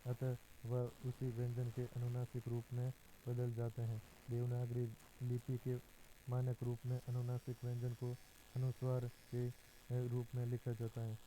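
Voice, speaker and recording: A man with a very dark, mellow voice gives a slow, methodical exam-prep grammar lesson. He speaks on an almost unchanging, flat pitch and often pauses on a drawn-out "a" as he works through each example. A faint hiss sits under the recording. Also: low-quality recording. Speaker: teacher.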